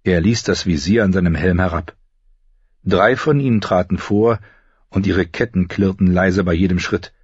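Husky, low-voiced male audiobook narrator. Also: moderate pace, no echo. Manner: expressive reading, shifting into voices. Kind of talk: scripted narration. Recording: dull lo-fi recording.

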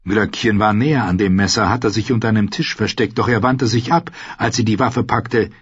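A man narrating an audiobook in a measured, grave storytelling manner. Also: lowish voice, steady tone, breathy edge, dry recording, lo-fi sound. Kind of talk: scripted narration.

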